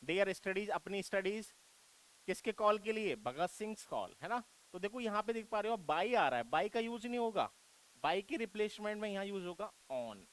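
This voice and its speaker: A man's voice: high-pitched, sing-song, moderate pace, fairly bright tone, poor audio. An Indian man teaching an English grammar lesson for exam prep, coaxing his students with repeated rhetorical questions and calling them "beta".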